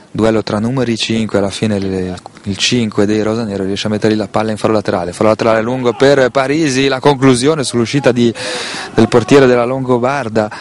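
A man with an Italian accent giving live football play-by-play in a measured, detailed way, sometimes correcting himself. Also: on the low side. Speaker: football commentator. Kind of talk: live play-by-play match commentary.

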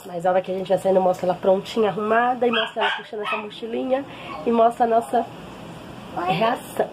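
A woman's voice: a little high, steady tone, quick pace, a loud crowd. A woman, chatting casually to viewers as a vlogger mother, emotional and often asking for agreement, recorded on a handheld phone at home and while walking outside. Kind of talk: casual vlog chat to viewers. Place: home, then walking outdoors on a street.

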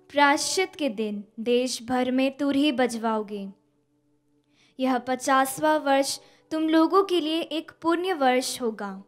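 The scripture reader at this Mass is a young woman in her 20s with a bright, high voice. Using a stand mic at the lectern of an indoor studio chapel, she delivers the scripture and psalm in a slow, measured, deliberate way.

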